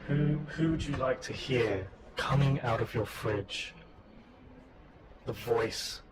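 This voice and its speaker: A man's voice: mid-range voice, slow pace, heavy background noise. A man co-hosting a casual chat show, easygoing, asking questions and often repeating his words. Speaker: co-host.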